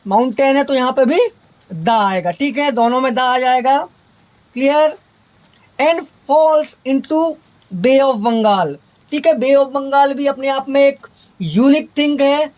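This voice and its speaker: A woman's voice: sits high, unhurried, a little mellow. A woman teaching an English grammar lesson, asking her own questions and answering them, checking in with "okay" again and again. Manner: asks questions and answers them herself, repeats "okay" often. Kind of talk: explanatory online lesson.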